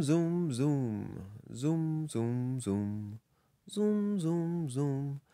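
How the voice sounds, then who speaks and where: A storybook reader chanting a picture book in a sing-song voice, stretching the end of each line. The pace is very slow and the voice is mellow and dark. The sound is dry and close. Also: mid-range voice, dry recording. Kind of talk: slow sing-along read-aloud.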